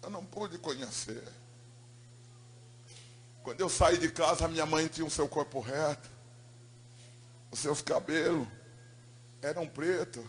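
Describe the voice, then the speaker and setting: A man giving an emotional preaching testimony, telling his story dramatically and moving between loud swells and hushed tones. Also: on the high side, unhurried, long pauses, slight background noise.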